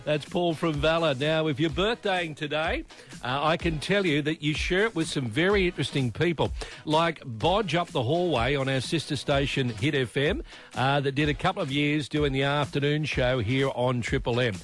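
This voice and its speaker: A man's voice: on the high side, normal speed, fairly bright tone. A man with an Australian accent hosting breakfast radio in a matey, jokey, slangy way. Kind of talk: upbeat radio chat and links. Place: radio studio.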